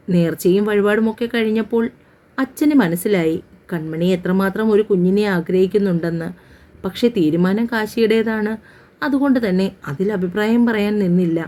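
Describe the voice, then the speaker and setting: Mellow woman narrating a romance story. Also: mid-range voice, moderate pace. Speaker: audiobook narrator. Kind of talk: scripted narration of a romance novel.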